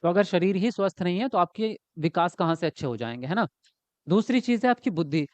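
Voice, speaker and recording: A man's voice: high-pitched, animated, a little fast, dry recording. A man teaching a live online exam-prep class, chatty and often checking with his viewers. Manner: chatty, keeps asking "right?" and answers chat comments. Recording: dull lo-fi dry sound.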